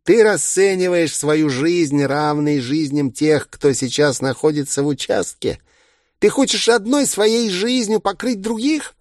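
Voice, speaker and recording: A man's voice: a little high, measured pace, no room sound, clean studio sound, pitched above the performer's own voice, natural voice. A man voicing a gleeful, mocking murderous villain in a taunting, singsong manner. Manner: taunting, singsong, cruelly playful.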